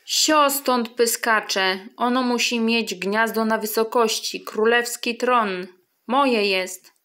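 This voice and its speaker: Give me a loud, bossy storybook stork, voiced by a woman, high and scornful. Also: steady tone, takes it slowly.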